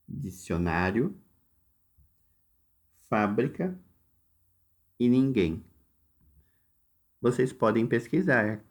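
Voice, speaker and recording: Gravelly, low-voiced Brazilian teacher. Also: male voice. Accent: Brazilian Portuguese. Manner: slow, instructive, addresses students directly with step-by-step directions. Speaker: Portuguese teacher. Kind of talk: recorded lesson walking through workbook exercises.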